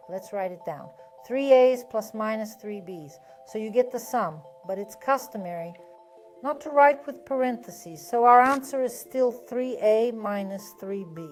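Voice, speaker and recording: A woman's voice: a little high, a little mellow. Methodical woman teaching math. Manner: patient, methodical, poses rhetorical questions. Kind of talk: step-by-step math lesson.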